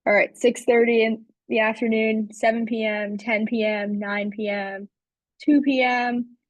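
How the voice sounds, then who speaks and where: A woman's voice: fairly high pitch, flat delivery, a little slow, no room sound. Upbeat young woman hosting a video call. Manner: upbeat, welcoming, reads out chat replies. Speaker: admissions intern moderating a panel. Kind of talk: online info session hosting.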